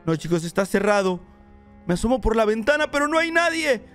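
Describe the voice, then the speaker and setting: A young man giving excited let's play commentary, chatting to his viewers as he plays. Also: high voice, brisk, smooth, soft background music. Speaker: gaming channel host.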